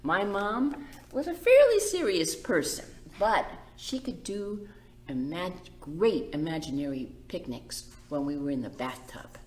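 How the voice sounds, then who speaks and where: A middle-aged woman, a children's librarian, hosts storytime, reading a picture book aloud and asking young listeners simple questions. Her voice is lowish, very animated and unhurried, and the recording has a roomy echo.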